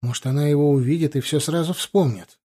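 A man's voice: a little high, quick pace, dark tone, breathy edge. A man voicing a stubborn, caring young woman doctor in an audiobook, speaking insistently. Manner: insistent, pleading.

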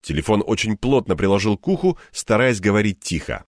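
A man reads a first-person audiobook in a calm, measured manner. His pitch moves in a lively way through the sentences. The sound is dry and close, with no room around it. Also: no room sound. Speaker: audiobook narrator.

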